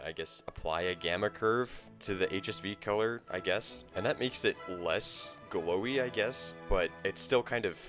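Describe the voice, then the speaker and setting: A young man narrating his programming project in a relaxed, rambling vlog style. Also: deep voice. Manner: relaxed, rambling, with self-deprecating asides. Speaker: programmer and video creator.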